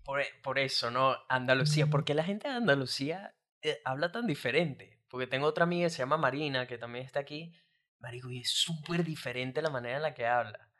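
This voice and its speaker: A man's voice: mid-range voice, fast. A man with a Venezuelan accent hosting a casual podcast interview, chatting loosely and full of slang fillers. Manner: relaxed slangy banter, frequent filler "marico". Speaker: podcast host.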